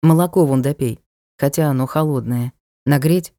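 A woman's voice: very deep voice, moderate pace, mellow, dry recording, studio quality, voice pushed down. A woman voicing a blunt, mocking young male knight in an audiobook, brusque and matter-of-fact. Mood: teasing. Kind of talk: audiobook character voice.

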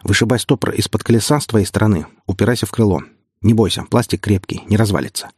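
A man voicing a jittery young village pilot in an audiobook, giving quick orders. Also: fairly low pitch, breathy edge, no room sound, studio quality. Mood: nervous.

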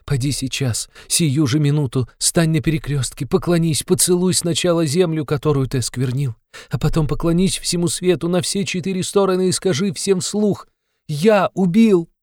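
A man's voice: fairly high pitch, normal speed, a little mellow, dry recording, studio quality, pitched above the performer's own voice, lightly acted. A man reading an audiobook, voicing a desperate devout young woman who exclaims and pleads. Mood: fervent pleading.

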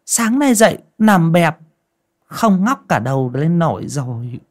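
A man doing a shrill nagging village wife. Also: big pitch swings, a little slow, exaggerated voice. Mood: fussing. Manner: scolding, sarcastic, shrill.

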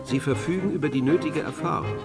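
An actor playing a courteous, paternal company director urging someone on in a German audio drama. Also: male voice, fairly high pitch, fast, far from the mic, loud music behind the voice, close to an everyday voice. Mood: persuasive.

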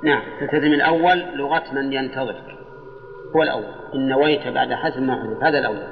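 Older man, grammar teacher, measured delivery, lo-fi tape, long hall reverb, faint hiss. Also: medium pitch. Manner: measured, drawing out quoted examples. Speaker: Islamic scholar teaching Arabic grammar. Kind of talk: classroom lesson with questions to students. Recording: dull old lecture tape in a reverberant hall.

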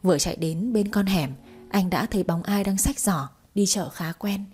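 A woman calmly narrating a romance story in an even storytelling manner. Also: mid-range voice, moderate pace, slightly rough.

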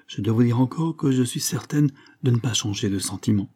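A man's voice: mid-range voice, brisk, dark tone, lightly acted. A man reading the part of a resolute young woman refusing a suitor, in an earnest, formal manner. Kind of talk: audiobook reading.

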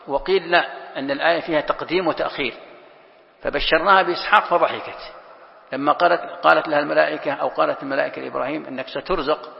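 A man's voice: a little high, steady tone, racing, gravelly. A man teaching a Quran commentary lesson as sheikh. He reads a line of text, then explains it and poses rhetorical questions. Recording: echoey hall, dull lo-fi sound.

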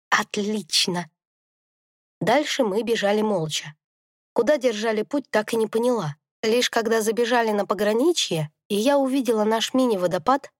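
A woman narrating a first-person fantasy audiobook in a calm, reflective storytelling manner. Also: a little high, no room sound, clean studio sound.

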